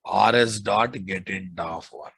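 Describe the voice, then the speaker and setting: Husky Telugu-accented man teaching code. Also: low voice, a little slow, a bit bright, no room sound. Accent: Telugu Indian. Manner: repeats phrases, informal asides to students. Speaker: programming instructor. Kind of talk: live coding lesson, dictating code.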